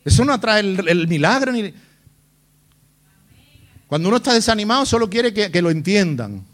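A man's voice: high-pitched, very animated, moderate pace, fairly bright tone. A male pastor preaching a sermon, hitting hard with rhetorical questions and mocking whiny voices to make his point. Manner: emphatic, fires rhetorical questions at the congregation.

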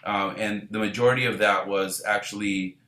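A man's voice: fairly low pitch, normal speed, echoey room. A man from Israel who leads a band, talking at length in a casual interview with many fillers and restarts. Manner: relaxed, rambling, many fillers. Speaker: band leader.

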